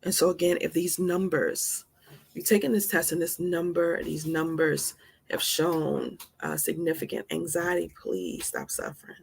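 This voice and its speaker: A woman's voice: low voice, fairly even intonation, unhurried, creaky, breathy edge. A woman in her forties hosting a live stream, giving a heartfelt motivational talk with earnest, repeated, preacher-like emphasis. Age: 40s.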